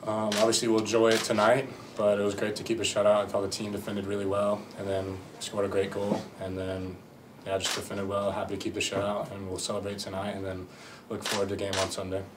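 Low monotone young man, rapid. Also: far from the mic, background noise. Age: young adult. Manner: quick, monotone, simple phrasing. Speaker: goalkeeper player. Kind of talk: postgame press conference answers. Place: indoor press room.

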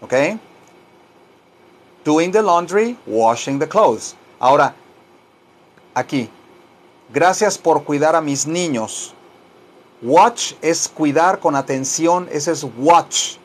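Slow-drilling male English teacher. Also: fairly high pitch, lively intonation. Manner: slow, drawn-out modeling of English phrases, repeating each word; playful teasing asides. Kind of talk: language lesson.

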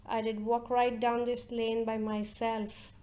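A woman's voice: on the high side, flat delivery, slow pace, warm tone. A woman reading aloud, voicing a boastful, petulant small boy who speaks insistently.

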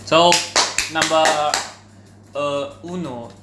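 Low-voiced woman, playful co-host. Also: drawn-out words, reverberant, very noisy. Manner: playful, teasing, drops in slang. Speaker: food channel co-host. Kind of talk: casual chat.

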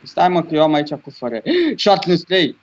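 A young man playing Minecraft with friends, chatting casually and shouting when things go wrong. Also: on the high side, muffled recording. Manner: excitable, shouts at his horse. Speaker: Minecraft let's player. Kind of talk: casual gaming chat.

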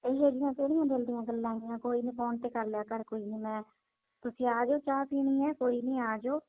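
Woman taking a call, fairly high voice, blunt and scolding, heard over a phone. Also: steady tone, fairly quick, no echo. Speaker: call recipient. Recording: tinny phone line.

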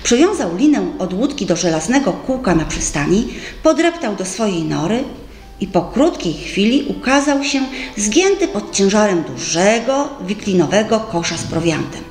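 A woman narrating a children's storybook aloud with expressive, lively delivery, recorded for a library. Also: mid-range voice, moderate pace. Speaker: audiobook narrator. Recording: roomy with faint music.

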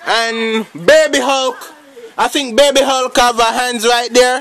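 A man giving casual, slangy play-by-play commentary on a pickup football game, rambling between plays and shouting at the big moments. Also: very high-pitched, steady tone, measured pace. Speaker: amateur commentator.

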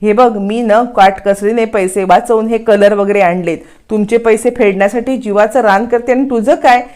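A woman's voice: medium pitch, steady tone, moderate pace, close to an everyday voice. A woman narrator reading the lines of an angry, thrifty young wife who scolds her husband. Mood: scolding. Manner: scolding, sharp-tongued.

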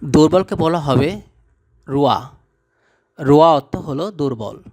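A man teaching vocabulary word by word, saying each term and then repeating it in a deliberate, patient way. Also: on the high side, darkish tone. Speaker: language teacher. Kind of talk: slow word-by-word vocabulary lesson.

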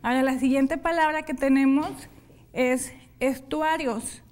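Female sign language teacher, high-pitched, patient step-by-step explainer. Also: fairly even intonation, darkish tone. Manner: slow, step-by-step explanation of hand signs. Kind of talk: televised classroom lesson.

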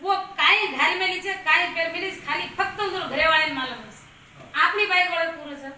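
A woman with a very high, piercing bright voice speaks earnestly, pressing her listeners with questions and exhortations. She sits back from the mic in a strongly echoing room. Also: a little fast, recorded from a distance, a little hiss or hum. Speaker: community speaker. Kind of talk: impassioned monologue on custom.

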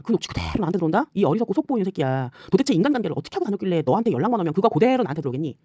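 A woman scolding and swearing at her rivals in an angry rant, firing off rhetorical questions and tagging lines with a sharp "eh?". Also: lowish voice, sing-song, rapid-fire, slightly rough, no room sound, studio quality. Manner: repeatedly tags lines with a sharp "eh?". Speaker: YouTuber addressing rivals.

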